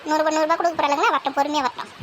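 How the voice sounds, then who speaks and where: A woman, grumbling and gossiping loudly in a comic village sketch. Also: high-pitched, fairly even intonation, racing, a little hiss or hum. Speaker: comedy sketch performer.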